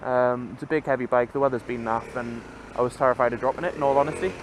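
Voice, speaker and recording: Talking fast into a microphone inside his motorbike helmet, a man rambles casually like a vlogger as he rides. His medium-pitched voice has fairly even intonation and sounds muffled and enclosed, with loud wind, engine and road noise behind it.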